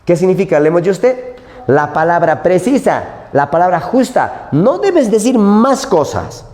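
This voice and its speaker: A man with a fairly high, slightly mellow voice gives an animated prep-school literature lecture, constantly checking in with his students. The recording carries long hall reverb.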